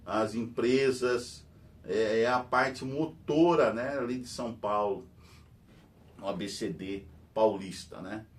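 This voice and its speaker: A middle-aged Brazilian teacher hosting a news channel, rambling in casual commentary full of fillers and tag questions. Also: male voice. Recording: distant mic with faint rumble.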